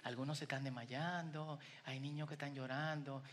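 A man voicing a worried male disciple who pleads with his teacher in a quiet, murmured tone. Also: fairly high pitch, fairly even intonation, normal speed, long reverb tail, voice pushed down, lightly acted. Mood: worried pleading.

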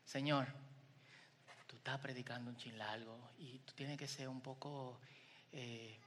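A preacher acting out a worried, pleading disciple. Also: male voice, mid-range voice, steady tone, measured pace, a bit bright, long reverb tail, voice pushed down, natural voice. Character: worried male disciple pleading with his teacher.

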